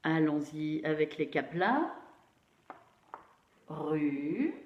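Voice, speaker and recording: A woman teacher giving a phonics lesson to young children, slowly spelling out syllables and praising them. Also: mid-range voice, big pitch swings. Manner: slow, encouraging, syllable by syllable. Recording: roomy, dull lo-fi sound.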